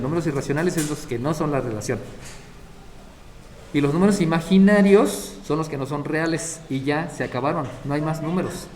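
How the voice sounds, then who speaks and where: A man's voice: a little high, darkish tone, a little hiss or hum. A man giving a math lecture, explaining step by step and checking in with his students. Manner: explains step by step, often checking the class with short questions. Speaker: math teacher.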